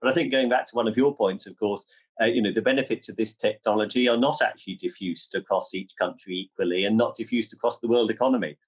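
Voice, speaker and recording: A man interviewing a guest, asking questions haltingly and repeating his words. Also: lowish voice, breathy edge.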